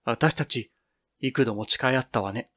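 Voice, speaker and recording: A man's voice: medium pitch, moderate pace, a bit bright, lightly acted. A man reading the part of an eager, boyish young woman in a storybook reading. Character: eager young woman nicknamed Yuki-bouya.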